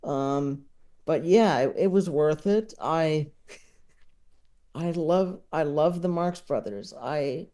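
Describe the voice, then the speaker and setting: A slightly high, slow man with a dark tone speaks as a podcast guest and comedy enthusiast. He chats casually and analytically about films he loves, offering opinions and often hesitating as he thinks aloud.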